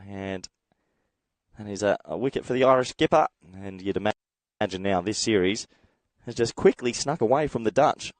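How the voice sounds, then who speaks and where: A man from Australia doing solo live cricket commentary with a slightly croaky voice from a head cold, chatty and reading viewer comments as he goes. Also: on the low side, moderate pace, dry recording.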